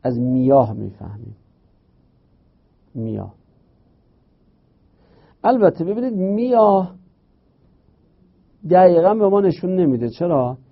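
Gravelly male teacher, explains step by step, answers his own questions, dull lo-fi recording. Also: on the high side, very animated. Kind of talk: Arabic grammar lesson.

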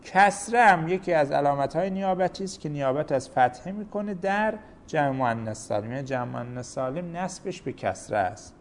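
A man's voice: on the high side, lively intonation, few pauses, a little hiss or hum. A man teaching a grammar lesson, explaining rules step by step with examples.

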